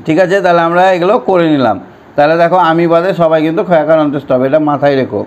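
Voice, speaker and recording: A primary school teacher speaking slowly and patiently, drilling words and sentences for young children in an online lesson. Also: male voice, a little high, fairly even intonation, darkish tone. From West Bengal, India.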